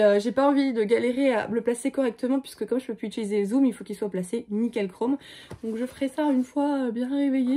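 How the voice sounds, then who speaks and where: A young woman with a high, bright-toned voice talks casually to her phone camera at home, chatty and playful. Her book vlog chatter tips into excited squeals. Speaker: book vlogger. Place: at home, indoors.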